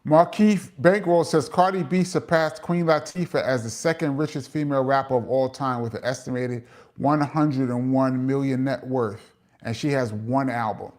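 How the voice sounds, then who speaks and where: A man's voice: mid-range voice, steady tone, moderate pace, a little mellow. A middle-aged man with a New York accent, hosting a casual live chat and reading out viewer comments, chatty, with frequent "um" fillers and laughs.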